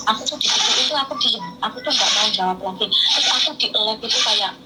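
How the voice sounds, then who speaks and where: A woman from East Lampung, Indonesia, who sells on live streams, telling her troubles in an emotional personal chat with a loud, blunt manner. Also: a little high, fast, heavy background noise. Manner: loud, blunt, speaks hotly like arguing.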